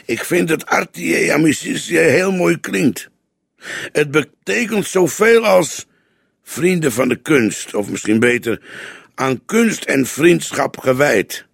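A man's voice: fairly high pitch, expressive, takes it slowly, vocal fry, husky, no echo, voice pushed up, exaggerated voice. Man playing a grey wry old detective. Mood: lecturing. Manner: dry, patient, lecturing. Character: grey veteran male detective, wry and teasing.

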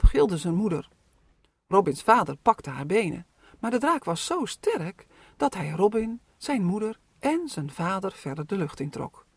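Lively kids story reader, breathy voice, dry sound. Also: medium pitch, dry recording. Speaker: narrator. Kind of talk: children's storybook reading.

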